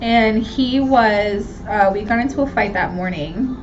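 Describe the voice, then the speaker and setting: Mid-range and unhurried, a 29-year-old woman with an American accent from Miami, Florida takes viewer questions as host of her Q&A vlog. Her chat is casual, candid, slang-heavy and self-mocking, captured in dull, lo-fi sound with background noise.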